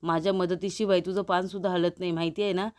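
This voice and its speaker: A woman's voice: on the low side, flat delivery, quick pace, darkish tone, close to an everyday voice. A woman voicing an impulsive, bossy young woman accomplice in a serial recap, urgent.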